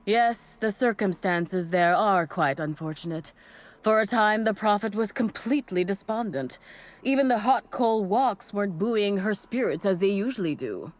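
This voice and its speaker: A woman voicing a devoted female cult assistant in a game, giving a chipper pitch that sags into tired resignation. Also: animated, moderate pace, close to an everyday voice. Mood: polite. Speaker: voiced game character.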